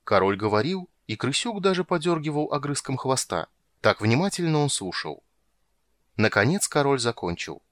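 A man reading a fairy tale aloud as an expressive narrator. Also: mid-range voice, normal speed, no room sound, clean studio sound. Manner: expressive storyteller.

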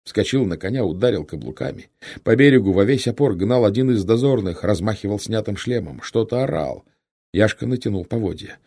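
A man reading a historical novel aloud in steady, measured narration. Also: on the low side. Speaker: audiobook narrator. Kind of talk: scripted narration.

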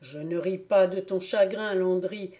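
A shrewd village clog-maker teases his cousin with knowing mockery, as a woman reads him in an audiobook. The delivery is slow and drawn out, with a mellow, warm tone. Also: on the low side, lightly acted. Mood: teasing. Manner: mocking, knowing. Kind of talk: audiobook character reading.

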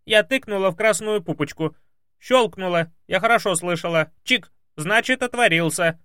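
A man voicing a loud, coarse, quarrelsome female housemaid who shouts in blunt, crude slang. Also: normal speed, dry recording, clean studio sound, natural voice. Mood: shrill, quarrelsome. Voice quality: shrill, shouting. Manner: blunt, crude colloquial speech.

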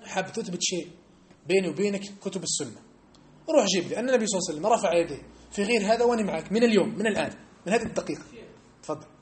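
A man teaching a lesson in a mosque, animated and argumentative, challenging his listeners directly. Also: high-pitched, very fast. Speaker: religious teacher.

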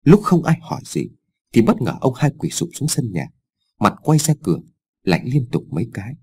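Husky male audiobook narrator. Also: mid-range voice, big pitch swings, moderate pace, darkish tone. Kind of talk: scripted narration.

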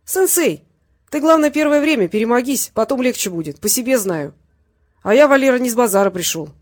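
A woman voicing a booming hearty bruiser of a man. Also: expressive, fairly quick. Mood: boisterous. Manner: loud, brash, back-slapping. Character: huge jovial heavyweight boxer man with bass voice.

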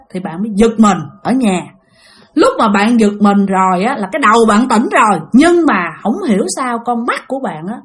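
Southern Vietnamese woman telling ghost stories. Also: a little high. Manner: conversational, addresses listeners directly. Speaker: storyteller. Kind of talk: spoken ghost-story narration.

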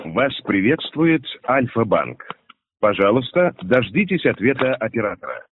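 A man's voice: mid-range voice, big pitch swings, measured pace, husky. A man giving a recorded, polite customer service announcement as an automated phone greeting. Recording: lo-fi narrow telephone line.

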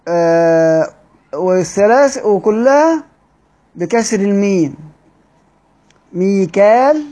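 A man with an Egyptian accent teaching Quranic readings in a study-circle lecture, explaining step by step and drawing out key words slowly. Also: high voice, dark tone. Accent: Egyptian Arabic. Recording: dull lo-fi recording.

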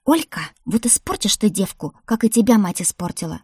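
Audiobook: woman voicing a scolding ice-witch grandmother, raised and sharp, husky edge. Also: mid-range voice, big pitch swings, brisk, no echo, clean studio sound. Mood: grumbling. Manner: scolding, grumbling. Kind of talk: audiobook character voice.

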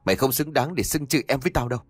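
A man voicing a cruel, vengeful young man in a ghost story, snarling insults in fast, harsh bursts. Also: medium pitch, husky, dry recording, studio quality, soft background music, voice pushed up, close to an everyday voice. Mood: furious.

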